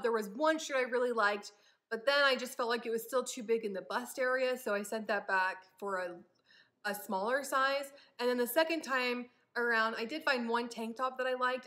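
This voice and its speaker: Bright, chatty young woman vlogger. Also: fairly high pitch. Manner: chatty, upbeat, trailing off with ums. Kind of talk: casual try-on haul chat.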